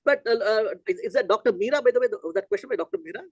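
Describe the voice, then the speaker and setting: A middle-aged Telugu-speaking man from India gives a physics lecture, animated and conversational, thinking aloud as he goes. His voice is high-pitched and husky, his delivery rapid-fire, and there's no room sound.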